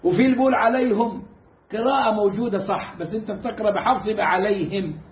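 A man with an Egyptian Arabic accent teaching Quran recitation in a casual, animated way, mimicking mistakes and drawing out the correct sounds. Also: high-pitched, roomy sound, dull audio, slight background noise. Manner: animated, mimics mispronunciations and demonstrates slow recitation. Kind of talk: casual lesson.

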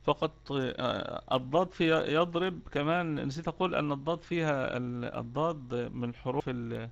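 Gravelly Egyptian man teaching tajweed. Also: mid-range voice, normal speed, muffled recording. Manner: explains rules step by step, repeating key words. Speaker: Quran recitation teacher. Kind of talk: online tajweed lesson.

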